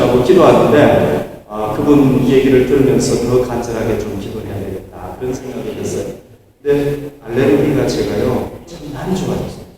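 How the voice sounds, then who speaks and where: A man's voice: medium pitch, warm tone, a little hiss or hum. Man preaching in an echoey church. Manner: storytelling, rising to emphatic exhortation. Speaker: pastor. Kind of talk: sermon. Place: church sanctuary. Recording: echoey hall, picked up from far off.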